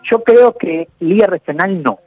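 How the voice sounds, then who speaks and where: Man, radio analyst; measured and thinking aloud, dull dry line. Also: high voice, lively intonation, no room sound, faint music behind. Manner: measured, analytical, peppers speech with "digo". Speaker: political analyst. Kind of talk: radio interview commentary.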